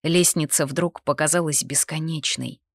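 A woman narrating a first-person fantasy romance audiobook, expressive and intimate. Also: low voice, normal speed, no room sound, studio quality.

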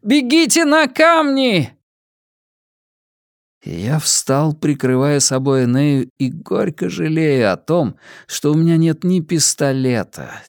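Steady male audiobook narrator. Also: medium pitch, vocal fry, no room sound, clean studio sound.

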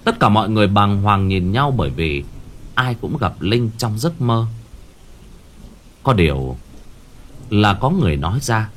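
Expressive male storyteller with a lively pitch. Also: unhurried, pauses often, slight background noise. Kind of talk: scripted ghost story narration.

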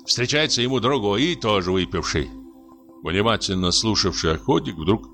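A man narrating a classic story, measured and expressive. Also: lowish voice, soft background music.

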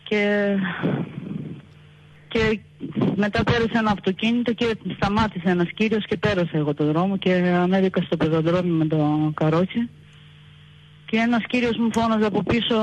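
A young woman calling in to a radio show, telling her story haltingly and retelling what people said. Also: mid-range voice, steady tone, highs cut off. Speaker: caller. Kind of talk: telephone call to a radio show.

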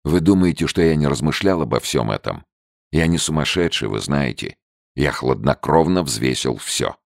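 A man voicing a stubborn young male soldier who speaks sharply and excitedly, his voice cracking at times. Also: rumbling low, normal speed, vocal fry, dry recording, studio quality, full character voice. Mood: bitter. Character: tense bitter young male deserter, stubborn.

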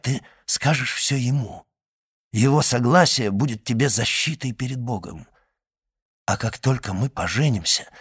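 A man reading an audiobook and voicing a resolute young man in love, speaking low and solemnly. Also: husky, no room sound, studio quality, natural voice. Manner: low, earnest, solemn vows.

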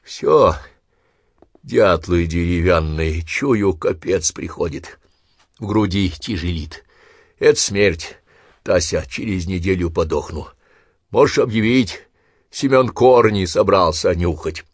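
A man voicing a coarse, grumpy old man in his eighties who is dying, talking gruffly in short, breathless phrases. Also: sits low, slow pace, no echo, clean studio sound, exaggerated voice. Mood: grim.

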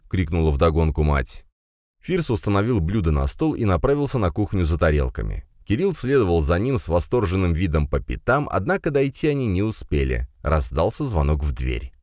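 A man narrating a story in an expressive, animated reading. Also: deep voice, no echo, clean studio sound. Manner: reads with lively, animated intonation. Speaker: audiobook narrator.

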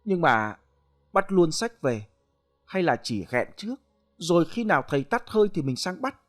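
A man's voice: on the high side, sing-song, moderate pace, soft background music, pitched above the performer's own voice. A man voicing a rich man's wife who asks fussy, doubtful questions. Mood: questioning. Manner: querulous.

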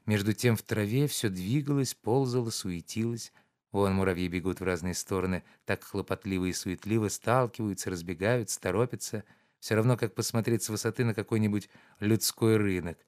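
Low-voiced male audiobook narrator. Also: brisk, darkish tone. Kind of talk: classic novel reading.

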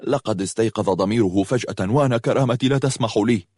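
A man's voice: fairly low pitch, fast talker, a little mellow, slightly rough, no echo, clean studio sound. A man voicing an angry, self-pitying young man who talks reproachfully, in a storybook reading. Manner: reproachful, heated.

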